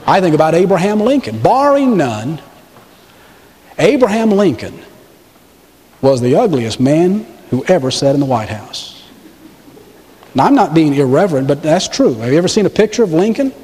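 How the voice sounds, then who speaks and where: A middle-aged male pastor from the American South delivers a sermon in a fairly high voice. His pitch swings freely as he acts out the people he quotes. The long church reverb lingers behind every phrase. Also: sing-song, normal speed, long pauses, mellow.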